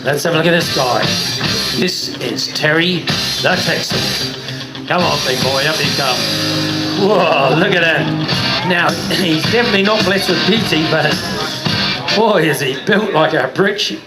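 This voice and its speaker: A middle-aged man with a fairly high voice works a live crowd at a stage show, cracking jokes and calling out to the kids. Music plays behind him while he talks. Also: measured pace, long pauses. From New Zealand. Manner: jokey showman, addresses kids and audience. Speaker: sheep show presenter.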